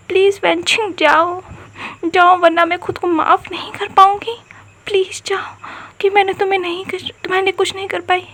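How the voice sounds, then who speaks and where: A wounded mother begs her children to go, her speech faltering under strain, as a woman narrator acts her out. The voice is very high and gravelly, in a spoken storybook. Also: fairly bright tone, heavily acted. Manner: urgent, pleading, faltering.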